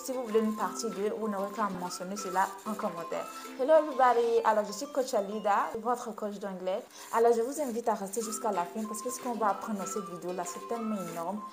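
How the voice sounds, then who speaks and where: A woman's voice: mid-range voice, quick pace, hardly any pauses, over music. Playful woman English coach. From Côte d'Ivoire. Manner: playful, teasing. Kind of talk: video lesson.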